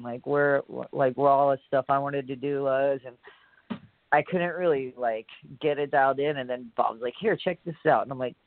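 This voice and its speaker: Over dry, phone-like audio with no room sound, a Hawaiian musician talks loosely in a casual interview. His mid-range voice drifts along, heavy on fillers and curse words.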